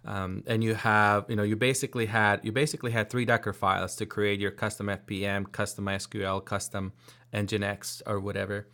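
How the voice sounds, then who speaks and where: A man's voice: lowish voice, little pitch movement, fairly bright tone. A man hosting a casual technical chat, thinking aloud with frequent restarts and asking follow-up questions. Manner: halting, many fillers and restarts, inquisitive.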